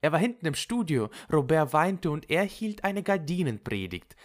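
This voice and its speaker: A woman's voice: deep voice, sing-song, moderate pace, voice pushed up. A reader voicing Loulou, a flighty and impulsive young woman who chatters in a gossipy way, in an audiobook. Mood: chattering. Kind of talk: audiobook character voice.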